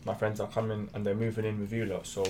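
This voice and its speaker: A man's voice: fairly low pitch, completely flat delivery, fast talker. A young man with a London accent and urban roadman slang, chatting casually with friends. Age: young adult. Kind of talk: casual chat among friends. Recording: background noise.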